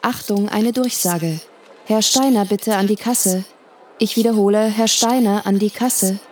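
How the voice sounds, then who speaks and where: A woman making a slow, formal public announcement over a store loudspeaker, calling a name to the register. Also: mid-range voice. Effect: public address loudspeaker announcement. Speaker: store announcer in a listening exercise.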